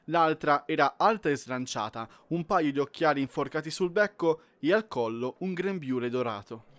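Man narrating a lively children's story. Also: a little high, normal speed, no room sound. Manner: expressive storytelling. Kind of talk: scripted audiobook narration.

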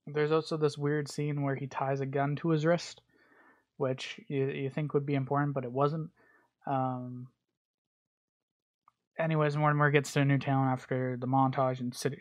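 A man hosting a podcast alone, recapping a bad movie in a rambling, crude, joking way with lots of fillers. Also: mid-range voice. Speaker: podcast host. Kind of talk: casual solo movie recap.

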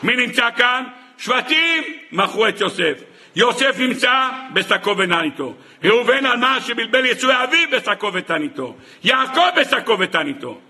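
A rabbi giving a sermon on the weekly Torah portion, impassioned, rising into pleading and dropping to hushed asides, slowing down when quoting sources. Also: male voice, big pitch swings. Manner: impassioned, swinging between raised pleas and hushed low asides.

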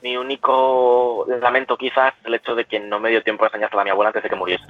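A man's voice: medium pitch, level tone, fast talker, dry recording, narrow, tinny audio, faint music behind. A young man, telling stories as a guest in a casual chat, with frequent restarts and self-corrections. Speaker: guest cosplayer. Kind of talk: casual storytelling.

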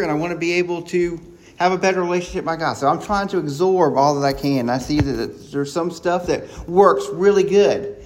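A man preaching a sermon, excited and quick, with frequent restarts and repeated words. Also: fairly high pitch. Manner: excited, talking fast with many restarts.

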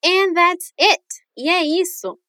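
A woman hosting a bilingual English lesson podcast, speaking clearly and modeling phrases for listeners to repeat. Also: extremely high pitch, steady tone, takes it slowly, pushed and bright, dry recording, studio quality. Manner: clear, upbeat teacher modeling phrases for repetition. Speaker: English teacher, podcast host. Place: lives in New Zealand.

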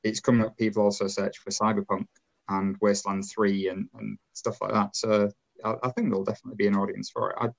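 Chatty Yorkshire man, low voice. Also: flat delivery, creaky, rough recording. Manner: rambling, chatty, quick to laugh. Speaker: podcast co-host. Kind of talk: casual podcast chat.

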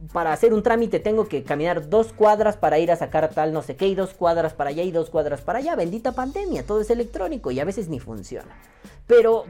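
Profane, animated Mexican woman podcaster. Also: on the low side. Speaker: podcast host. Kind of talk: reading and reacting to listener comments.

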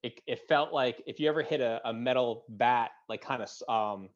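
A man in his thirties tells his story as an interview guest. He speaks in a halting, unpolished way, full of fillers and restarts, and his voice goes quiet at hard moments. The sound is dull and slightly lo-fi. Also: medium pitch. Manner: halting, many restarts and fillers, drops to a quiet tone at emotional points. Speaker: guest, combat-wounded veteran.

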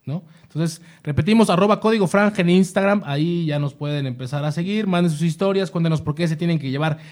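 Rambling Mexican podcast host, higher voice. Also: male voice, fast talker, a little mellow. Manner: rambling, many fillers and restarts. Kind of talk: casual podcast chat.

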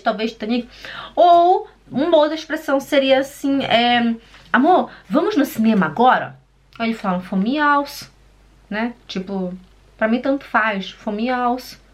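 A woman with a Brazilian Portuguese accent gives a casual online German lesson. She chats, laughs often, ends phrases with a questioning tag and slows down to spell out words. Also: on the high side, fairly bright tone. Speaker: German teacher.

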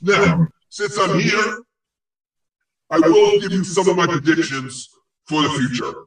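For a comic audio play, a man performs a crude male ghost relishing spite, pronouncing insults and prophecies pompously with halting pauses and a grandly prophetic air. The voice, a little high, seems distant and swims in heavy echo.

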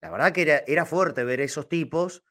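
High-voiced Argentine man talking football emphatically. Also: fairly quick, pushed and bright. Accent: Argentine Spanish. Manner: emphatic, repeats words for emphasis. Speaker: football show pundit. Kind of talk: animated football talk, reminiscing.

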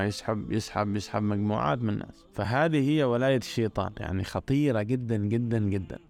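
Man with a gravelly low voice, giving a religious talk over faint music, earnest and repetitive. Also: darkish tone.

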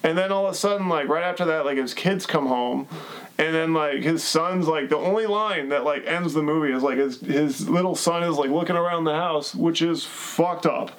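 A man co-hosting a podcast, his voice pitched a little above average. He rambles casually, stacking fillers as he recounts favorite movie scenes. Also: normal speed, rough recording. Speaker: podcast host. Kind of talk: casual chat about a movie.

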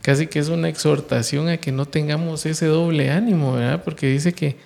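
Male co-host of a faith talk show, rough gravelly voice, talks in lists over soft music. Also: on the high side, fairly even intonation, a little fast. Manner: explains with lists and asks "¿verdad?".

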